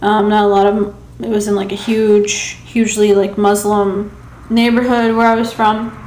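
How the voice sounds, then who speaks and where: In an echoey little room at home lined with shelves, a young vlogger talks into a device held at arm's length, her mid-range, darkish voice showing little pitch movement over a slight hiss or hum. American-accented, she comes from South Carolina by way of Pakistan, and her talk is hesitant and rambling, broken by long pauses.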